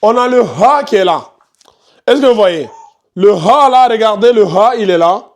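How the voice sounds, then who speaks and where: A fairly high-pitched man teaching tajwid to his students over a video call. He repeats his points and keeps pointing at the screen. He gives careful, patient explanations. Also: lively intonation, normal speed. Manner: repetitive, pointing out details on screen, scolds noisy students. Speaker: Quran recitation teacher. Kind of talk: online class teaching tajwid.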